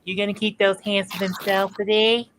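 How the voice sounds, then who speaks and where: A woman playing a tabletop game, teasing and quick with banter. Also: mid-range voice, little pitch movement, fairly bright tone, slight background noise. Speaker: player. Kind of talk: casual game chat.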